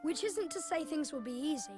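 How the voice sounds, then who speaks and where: A high, youthful boy's voice from a video game, with music clearly behind it. He is gentle and curious, and offers reassurance with earnest, philosophical wisdom beyond his years. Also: expressive, brisk. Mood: gently reassuring. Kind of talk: video game cutscene acting.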